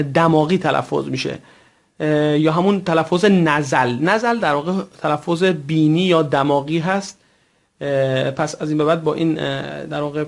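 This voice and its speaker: A man teaching French pronunciation, who speaks natively, patient and careful, stretching out words and repeating them slowly. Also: fairly high pitch, vocal fry. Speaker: language teacher. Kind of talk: recorded French pronunciation lesson.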